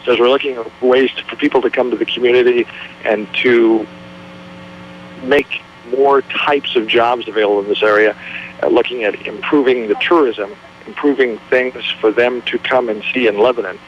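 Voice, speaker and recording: A male radio host interviewing people outdoors on location, chatty and folksy, with quick follow-up questions. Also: medium pitch, steady tone. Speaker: radio host on a live remote. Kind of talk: casual interviewing. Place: outdoors at an old mill on location, near a car. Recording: slightly muffled with faint background noise.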